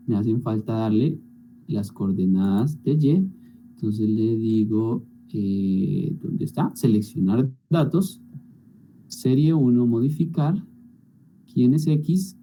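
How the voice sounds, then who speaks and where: A man's voice: mid-range voice, dark tone, slight background noise, low-quality recording. A male teacher walking students through spreadsheet calculations in an online class, often checking in with them. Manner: talks through spreadsheet steps, frequent checking tags.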